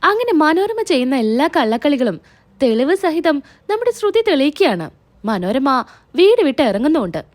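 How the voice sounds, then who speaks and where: A woman hosting a serial review, recapping the episode in an expressive storytelling way. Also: sits high, moderate pace.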